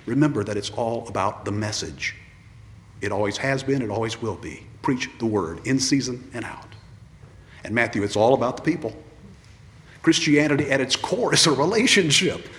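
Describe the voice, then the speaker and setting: A man's voice: mid-range voice, expressive, moderate pace, fairly bright tone. A man preaching an earnest ordination sermon, repeating his refrains. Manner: earnest, repeats refrains, acts out quoted voices. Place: church. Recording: long reverb of a large church.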